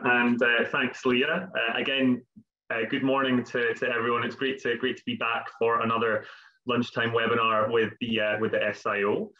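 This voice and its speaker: Speaking forcefully in a bright, medium-pitched voice, a man in his thirties leads a business webinar over video from his home office. He keeps repeating words as he goes. Audio quality is dull and lo-fi, typical of a video call.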